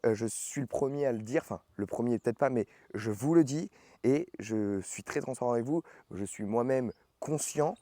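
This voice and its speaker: A man's voice: medium pitch, normal speed, mellow, dry recording. A young man chatting casually to camera as a fitness vlogger, explaining with fillers and self-corrections. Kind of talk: casual vlog talk to camera.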